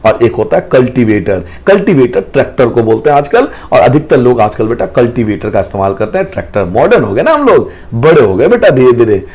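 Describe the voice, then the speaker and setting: A man's voice: mid-range voice, very animated, a little fast, hardly any pauses, darkish tone. A man teaching a school science lesson, explaining patiently, repeating key points and addressing students affectionately. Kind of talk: classroom lesson.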